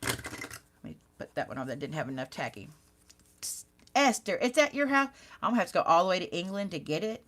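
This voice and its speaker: A woman's voice: low-pitched, lively intonation, fast, slight background noise. A woman hosting a live card-making demonstration, chatting casually with her viewers and teasing herself as she works. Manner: self-teasing, laughs at herself. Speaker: card-making channel host.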